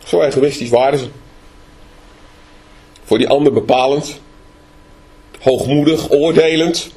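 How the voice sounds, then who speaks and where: A man's voice: on the high side, a little slow, a little mellow, breathy edge. A man preaching a sermon in a conversational way, often asking the listeners questions. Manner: conversational, asks rhetorical questions.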